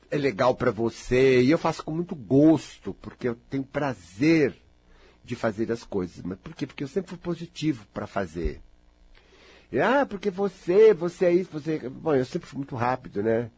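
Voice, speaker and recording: A man giving casual motivational talk, chatty and animated, often calling his listeners "gente" and acting out other voices. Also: husky, no room sound. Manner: acts out quoted voices with big pitch jumps. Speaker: speaker giving life advice.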